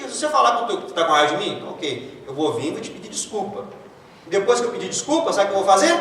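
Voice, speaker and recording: Animated Brazilian pastor in an echoey hall. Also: male voice, very high voice. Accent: Brazilian Portuguese. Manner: jokey, conversational, acts out quoted voices. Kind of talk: casual sermon. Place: church hall. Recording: echoey church hall, far-off mic, faint noise.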